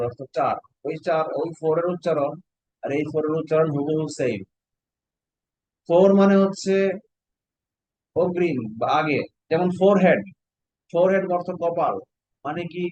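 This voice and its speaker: A man's voice: a little high, normal speed, pauses often, darkish tone, no echo, poor audio. A Bangladeshi man teaching an online exam-prep class, explaining step by step and quizzing his students with questions.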